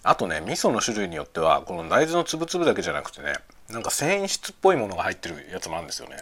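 A man's voice: deep voice, huge pitch swings, racing, fairly bright tone. A middle-aged man chatting casually while eating, musing aloud in short phrases that trail off. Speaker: host of a lunchtime chat.

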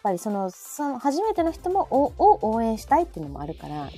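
Her voice a little high and warm, a woman with a Kansai accent hosts a live audio show, speaking a little fast with huge swings in pitch. The chat is casual, she frequently chimes in agreeing, and faint music plays in the background.

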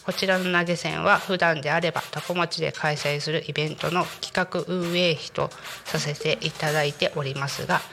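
A woman's voice: low voice, steady tone, normal speed, creaky. A woman hosting a community radio talk show in a conversational way, her voice nasal and stuffed up from a cold. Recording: music bed behind the voice. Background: music.

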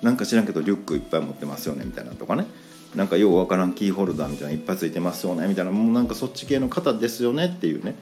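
A man with a Kansai accent telling a story in a casual, animated podcast monologue, acting out the quoted lines. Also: sits low, very fast. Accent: Kansai Japanese. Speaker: podcast host.

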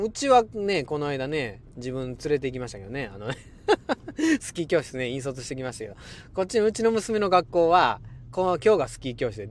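A man in his forties with a Kansai accent, hosting a casual solo podcast, chatty and often laughing. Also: fairly high pitch. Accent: Kansai Japanese. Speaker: podcast host.

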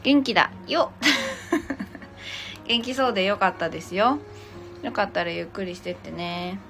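A woman's voice: on the low side, a little fast, creaky, a bit bright. A woman hosting a casual tarot livestream, chatting playfully with commenters and switching between polite and teasing casual speech. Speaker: livestream host and tarot reader. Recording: music playing behind the voice. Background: music.

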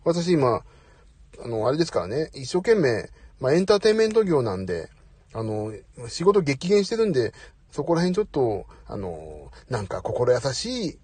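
A man's voice: medium pitch, sing-song, normal speed, a little mellow, slightly rough, no echo. A middle-aged man hosting a casual live audio chat, talkative, apologetic and self-deprecating, speaking into a phone. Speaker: host. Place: parked outside, away from home.

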